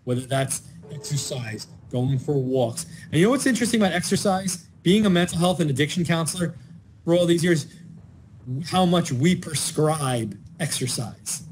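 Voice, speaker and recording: An earnest middle-aged man speaks as a counselor, giving practical advice in an informational video. His voice sits a little high for a man, and faint background noise is heard under his speech. He tells his examples with an animated storyteller's energy. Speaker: mental health and addiction counselor.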